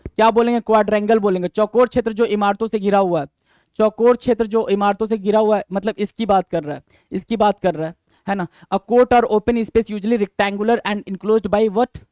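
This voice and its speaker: A man's voice: high voice, steady tone, a little mellow, smooth, dry recording. A man teaching exam vocabulary in a lecture style, repeating each point and quizzing the viewers. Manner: repetitive, addresses viewers as "bhai", quizzing questions; reads English definitions slowly, then explains.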